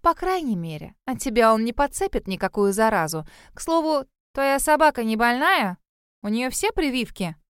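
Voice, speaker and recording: A woman's voice: on the high side, big pitch swings, normal speed, smooth, dry recording, studio quality. A woman voicing a spiteful, catty young woman who taunts her rival in a sneering tone. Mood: mocking. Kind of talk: audiobook character voice.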